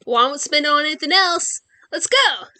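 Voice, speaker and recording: A woman voicing a brash, hard-drinking frontier woman who talks loud, swaggering and crude. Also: sits high, expressive, brisk, pitched above the performer's own voice, heavily acted. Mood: pleading.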